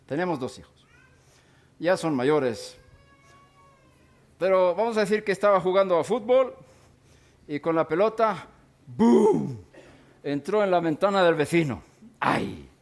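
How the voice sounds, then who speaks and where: A middle-aged man teaching a sermon-style Bible lesson, speaking deliberately and pausing to define and repeat key words. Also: sits high, expressive.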